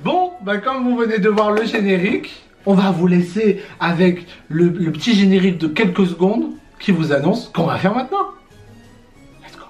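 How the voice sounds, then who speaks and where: Man, high-pitched, excitable, playful vlog host. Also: moderate pace, faint music behind. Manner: excitable and playful, laughs often. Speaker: YouTube co-host. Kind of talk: excited casual vlog chat.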